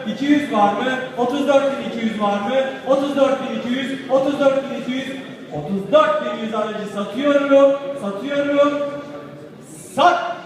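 A man working as an auctioneer at a car auction, calling bids in a rapid, insistent, repetitive chant of prices. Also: very high voice. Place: large echoey auction hall. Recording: distant mic in echoey hall with crowd.

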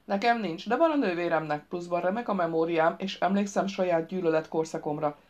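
A woman voicing a patient, wry woman of thirty in an audiobook, calm and explaining. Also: lowish voice, highs cut off, natural voice.

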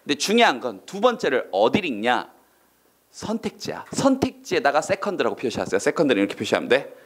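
A man teaching an online English exam-prep lecture, firing quick questions at his students and acting out reactions with silly voices. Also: mid-range voice, huge pitch swings, slightly rough.

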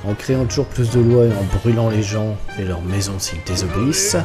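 Male streamer reading tyrant mage villain, exiled, power-hungry, lowish voice, music underneath. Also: animated, brisk, natural voice. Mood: domineering. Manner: read aloud plainly from game text.

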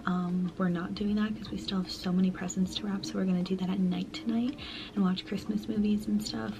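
In a small bedroom at home, a woman in her twenties vlogs casually to the camera, upbeat and sprinkling her talk with "like" and "um." Her mid-range voice has vocal fry, and the background is noisy.

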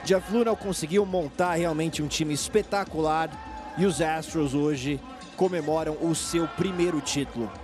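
A Brazilian man giving animated baseball analysis as a colour commentator, speaking emphatically phrase by phrase. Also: on the high side, measured pace, music in the background. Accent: Brazilian Portuguese. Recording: stadium crowd noise behind commentary. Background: stadium crowd.

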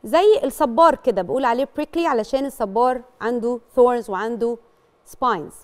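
A woman's voice: fairly high pitch, moderate pace, darkish tone. A woman with an Egyptian Arabic accent teaching young pupils English, sounding out words carefully and switching between Arabic and English as she encourages them. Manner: encouraging, addresses pupils directly. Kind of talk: classroom lesson for children.

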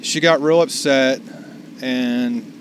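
A man's voice: mid-range voice, steady tone, takes it slowly, slight background noise. A man chatting casually to the camera while driving for food deliveries, rambling and salty. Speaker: delivery driver vlogger. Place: in a car.

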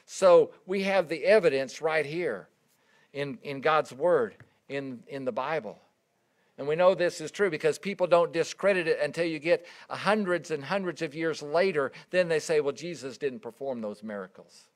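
A middle-aged man delivers a sermon in an earnest, emphatic manner, telling stories as his volume swells and drops. His voice runs on the high side at a normal speed.

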